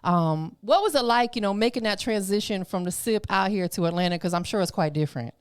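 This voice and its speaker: Smooth-voiced woman podcast host. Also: medium pitch, expressive, a little fast, no echo, clean studio sound. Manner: upbeat, friendly, slangy questions. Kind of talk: casual interview chat.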